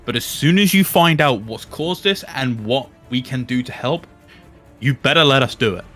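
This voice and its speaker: Male player, middle pitch, forceful bright voice, blunt casual game chat, faint music. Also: moderate pace. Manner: blunt, sweary.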